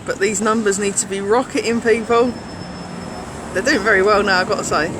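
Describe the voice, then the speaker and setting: A man's voice: high voice, fairly even intonation, fairly quick. A man co-hosting a casual livestream, urging viewers on emphatically and repeating words for stress. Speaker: livestream co-host. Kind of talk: casual live chat urging viewers to share. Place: outdoors on a London street. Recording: outdoor phone stream with street noise.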